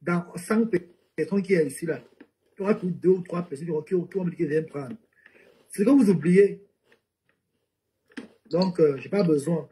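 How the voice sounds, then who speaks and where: Mellow-voiced man pleading with viewers. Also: a little high, moderate pace, pauses often, slightly rough, low-quality recording. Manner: pleading, repetitive, asks viewers for support. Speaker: live-stream host. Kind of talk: casual live-stream chat.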